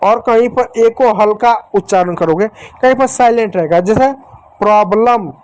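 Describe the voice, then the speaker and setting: A man teaching young children letter sounds in a patient, repetitive way, slowly sounding out letters and speaking to the children directly and affectionately. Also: high-pitched, darkish tone, clear, resonant tone, poor audio. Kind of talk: phonics lesson for young children.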